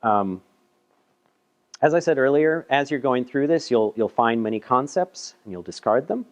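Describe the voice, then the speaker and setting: A man with a medium-pitched, animated voice presents a paper at a meetup at a moderate pace. The talk is casual and chatty, sprinkled with self-deprecating asides and frequent word repetitions.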